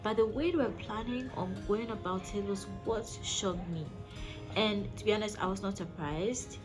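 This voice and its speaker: A woman's voice: mid-range voice, moderate pace. Woman vlogger just chatting away, telling a story straight to viewers, pretty emphatic, music playing behind her. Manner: chatty, addresses listeners directly, emphatic. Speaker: vlog host. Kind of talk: casual storytelling to camera.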